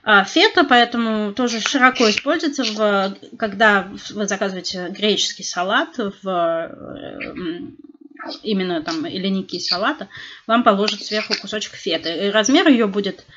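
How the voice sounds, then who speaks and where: A woman's voice: mid-range voice, normal speed, lo-fi sound, slight background noise. A middle-aged woman in casual chat, talking animatedly with lots of fillers and restarts. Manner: chatty, animated storytelling with frequent fillers and restarts.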